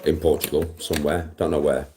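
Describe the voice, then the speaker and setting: A man's voice: a bass voice, flat delivery, fairly quick, warm tone. A middle-aged man, casually chatting on a livestream, swearing freely and calling viewers bro. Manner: laid-back, swears freely, slangy, calls viewers bro. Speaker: livestream host reading chat.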